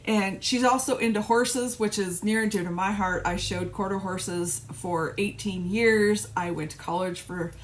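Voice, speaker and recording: A woman's voice: mid-range voice, fairly even intonation, a little slow, few pauses, a little hiss or hum. A middle-aged woman chatting casually on her cross-stitch vlog, rambling with restarts and little laughs. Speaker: flosstube vlogger. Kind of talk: casual chat.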